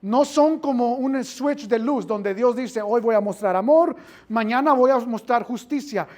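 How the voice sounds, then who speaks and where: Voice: mid-range voice, unhurried, darkish tone. A Bible teacher giving an interactive class, quizzing the listeners, repeating phrases and dropping in English filler words.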